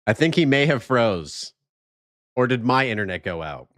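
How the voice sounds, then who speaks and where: A man's voice: mid-range voice, big pitch swings, moderate pace, fairly bright tone, no echo, studio quality. A man hosting a casual live podcast, talking loosely with lots of fillers and frequent laughs. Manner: laughs often, many "like" fillers. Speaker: podcast host.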